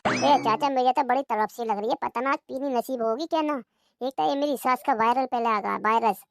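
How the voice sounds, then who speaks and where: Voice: mid-range voice, brisk, vocal fry, dry recording, clean studio sound, close to an everyday voice. A performer voicing a middle-aged village drunk man who grumbles and curses. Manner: grumbling, curses a lot in dialect. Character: rough-talking village drunk man, middle-aged, always craving liquor.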